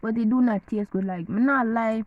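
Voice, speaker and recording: In this lo-fi clip with slight background noise, a woman from Jamaica talks to camera at a moderate pace, her voice a little high and darkish in tone. She's playful and teasing, eating between words.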